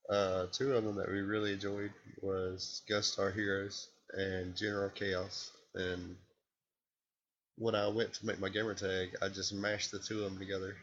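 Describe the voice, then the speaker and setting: A laid-back man with a fairly low voice talks casually on a gaming podcast. His mic sounds dull and lo-fi. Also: little pitch movement, normal speed, a bit bright. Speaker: podcast co-host.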